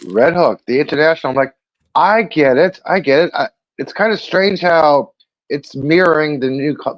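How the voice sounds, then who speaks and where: Excitable man with a muffled lo-fi sound. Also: fairly high pitch. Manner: excitable, acts out his own reactions in quotes. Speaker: show panelist. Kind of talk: casual chat.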